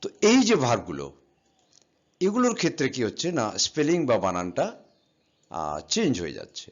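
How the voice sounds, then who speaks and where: Male teacher, patient classroom explaining, spells letters out, animated intonation, dull recording. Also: medium pitch, a little fast. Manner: patient, spells words letter by letter, asks and answers his own questions. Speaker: English grammar teacher. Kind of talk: classroom lesson explaining verb forms. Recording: slightly dull, lo-fi sound.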